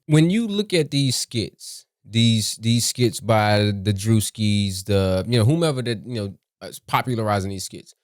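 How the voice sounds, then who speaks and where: A man giving casual opinion commentary in a measured, deliberate way, repeating phrases for emphasis. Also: lowish voice, no room sound, clean studio sound. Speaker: commentator reacting to a comedy skit.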